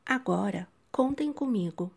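A woman teacher, giving a home-recorded reading lesson to young children and sounding out syllables slowly and clearly. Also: mid-range voice, expressive, a little mellow. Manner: slow, clearly syllabified speech to young pupils. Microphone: home-recorded video.

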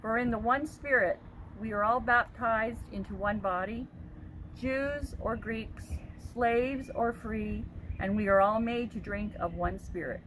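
An older woman giving a measured scripture reading as a lay reader. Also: a little high, a bit bright, poor audio. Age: older, 60s or above. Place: outdoors by a brick house. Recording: outdoor recording, faint traffic noise.

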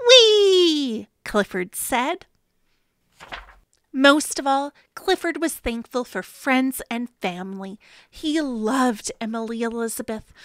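A woman narrates a children's picture book in an expressive, playful storytelling manner. Her voice sits high and swoops animatedly, taken at a slow, careful pace. The sound is close and dry. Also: no echo. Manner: gently addresses young listeners. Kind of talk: children's read-aloud narration.

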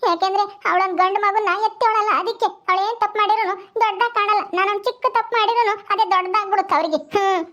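A woman's voice: very high voice, fairly even intonation, very fast, few pauses, fairly bright tone, highs cut off. A woman playing a married village woman who has been thrown out of her home. She laments tearfully and sighs often. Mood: lamenting. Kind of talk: village comedy skit.

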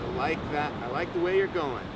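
A man's voice: a little high, moderate pace. A man in his thirties teaching outdoors on a beach, explaining step by step and encouraging his student. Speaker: rainwater harvesting teacher. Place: sandy beach outdoors by the surf. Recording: distant outdoor mic with surf noise. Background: waves and wind.

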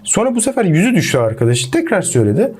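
A young man giving relationship advice in a lively monologue, speaking directly to his viewers as friends. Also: sits high, rapid-fire, slightly rough.

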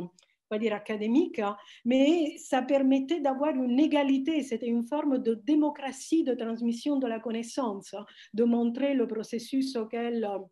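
Italian-accented woman lecturing, halting and mellow. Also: fairly high pitch. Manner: halting, many fillers and restarts. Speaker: conference speaker. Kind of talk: lecture over video call. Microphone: video call.

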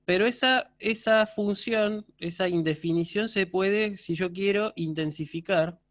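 A man's voice: high voice, measured pace, fairly bright tone, no room sound, clean studio sound. Patient man teaching online. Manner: patient, explanatory, checks understanding with frequent questions. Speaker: university teacher. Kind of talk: online class lecture.

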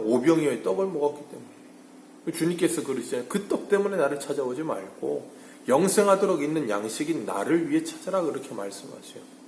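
A male pastor preaching an early-morning sermon, asking rhetorical questions and moving between hushed and emphatic delivery. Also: medium pitch, echoey room, slight background noise. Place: church sanctuary.

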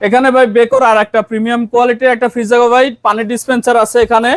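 Shop seller, male, Bangladeshi Bengali accent. Very high, very fast, dry close sound, relentless price countdowns. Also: flat delivery, clean tone, no room sound. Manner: fast, insistent haggling patter with repeated stock phrases. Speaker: used fridge shop seller. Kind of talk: rapid sales pitch, counting prices down. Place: used fridge shop.

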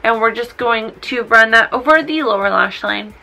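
A woman's voice: a little high, moderate pace, vocal fry, bright, forceful tone. A woman in her twenties chatting through a casual makeup tutorial in a tipsy, rambling, blunt and sweary way. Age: 20s. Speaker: makeup vlogger. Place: small room indoors.

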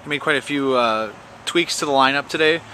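A man interviewing a soccer coach after a game outdoors, asking halting questions with many restarts. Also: mid-range voice, sharp tone, a little hiss or hum.

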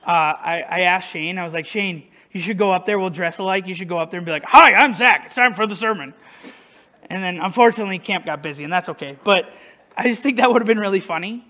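A male pastor from the northern United States delivers a casual, conversational sermon, poking fun at himself and often asking the congregation questions. He speaks fast, in a high, somewhat bright voice.

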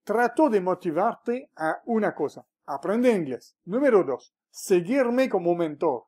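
A man's voice: high-pitched, big pitch swings, measured pace, darkish tone, husky. A man speaking as a mentor in a motivational vlog, emphatic and repeating words for stress, with frequent restarts. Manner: restarts and stumbles often.

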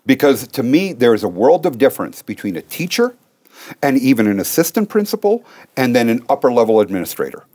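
A man's voice: mid-range voice, big pitch swings, brisk, a little mellow. A middle-aged man from Russia, an attorney talking as a guest in an interview, explaining firmly with everyday examples. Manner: explains with everyday analogies, firm. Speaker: education law attorney, guest. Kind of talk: interview conversation.

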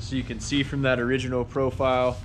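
A carpenter hosting his channel talks fast in a mid-range voice, casually explaining a barn repair on his vlog amid heavy background noise. His relaxed explanations are packed with "uh" and "kinda," and he's outdoors at a farmyard barn as well as inside a large workshop.

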